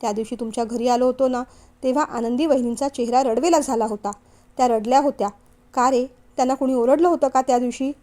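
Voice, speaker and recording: An outspoken young bride-to-be, frank and uneasy, from an audio novel, read out by a woman. her voice sits high and light. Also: fairly even intonation, quick pace, mellow, close to an everyday voice. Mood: worried. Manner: worried, frank.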